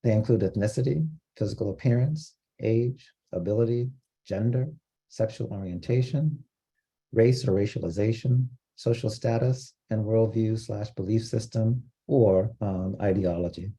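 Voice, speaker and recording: A man from Costa Rica giving an online training lecture, explaining terms in a measured way with frequent fillers. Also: lowish voice, mellow, slightly rough. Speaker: diversity trainer.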